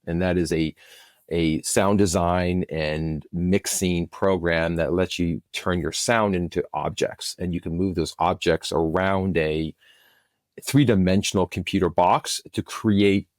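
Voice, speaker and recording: A man with a low, steady voice speaks as an interview guest over internet software, explaining things enthusiastically. He often restarts his phrases, so his delivery halts with repeated starts. The audio is studio quality with no echo.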